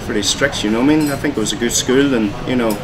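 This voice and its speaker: A man's voice: mid-range voice, fast talker, low-quality recording. A man, a head chef who grew up in Donegal after being born in Hong Kong, chatting easily in an interview and filling his talk with "you know". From born in Hong Kong, raised in Donegal, Ireland. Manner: relaxed, full of "you know" and "um". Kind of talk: casual interview. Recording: crowd chatter behind.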